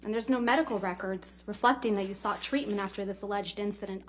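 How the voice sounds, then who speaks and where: A woman's voice: mid-range voice, fairly even intonation, fast talker, a little hiss or hum. Pointed woman lawyer in cross examination. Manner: pointed, clipped leading questions ending in tag questions. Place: courtroom.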